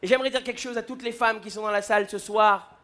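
A young male comedian tells stories on stage in a high, lively voice. He acts out his characters as he goes. A faint hum of the live venue sits under him. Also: quick pace. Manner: animated, acting out quoted voices. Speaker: stand-up comedian. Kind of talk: stand-up routine on stage. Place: large comedy festival stage. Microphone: stage microphone.

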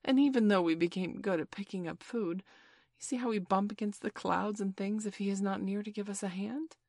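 A woman's voice: medium pitch, fairly even intonation, a little fast, a little mellow, no echo, clean studio sound, voice pushed up, natural voice. A woman reading aloud, voicing a sensible young girl who reasons earnestly. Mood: worried.

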